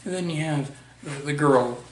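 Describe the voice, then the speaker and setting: A man's voice: fairly high pitch, normal speed. Blunt, profane young man ranting. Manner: blunt, profane, frequent restarts. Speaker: movie reviewer. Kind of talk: casual ranting movie review. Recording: roomy echo, voice far from mic, faint noise.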